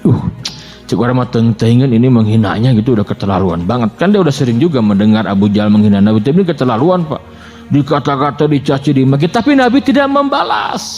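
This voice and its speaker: A man preaching and telling a story in an animated way, often addressing his listeners directly. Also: medium pitch. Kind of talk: sermon with storytelling.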